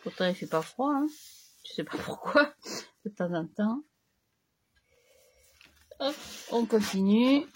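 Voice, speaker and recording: Slow, slightly hoarse French-speaking craft woman. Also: fairly high pitch, expressive. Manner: slow, chatty, talks to herself while working. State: slightly hoarse, clearing her throat. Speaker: crafting tutorial host. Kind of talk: casual hands-on crafting tutorial.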